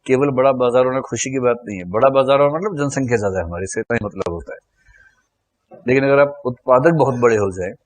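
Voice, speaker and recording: A man's voice: mid-range voice, brisk, no room sound. A middle-aged man teaching a lecture class, explaining in a conversational way and asking rhetorical questions.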